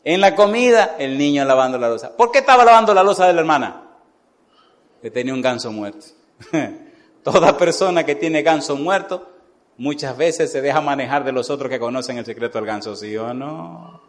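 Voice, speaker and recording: A male preacher tells a moral story during a sermon, his voice set fairly high. He speaks in an animated way and keeps turning to his listeners with repeated yes-or-no questions. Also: fairly quick. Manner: animated, repeatedly asks the congregation "sí o no".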